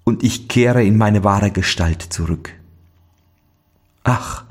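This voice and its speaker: A man voicing a cursed young princess in a storybook fairy tale, gentle and mournful. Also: on the low side, slow pace. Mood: sorrowful. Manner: mournful, pleading.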